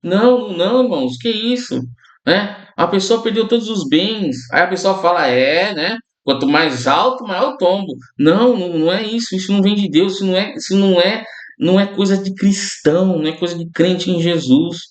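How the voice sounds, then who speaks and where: A male pastor delivers a sermon in a fairly high voice. He talks to his listeners like a conversation, often calling out to them and checking in with them. The room around him is echoey. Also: moderate pace. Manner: conversational preaching, often addresses listeners as brothers and tags lines with "né?".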